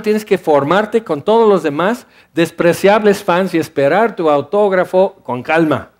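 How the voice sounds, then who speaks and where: A man preaching a sermon in an animated way, acting out the voices of his listeners and moving between loud and hushed delivery. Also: sits high.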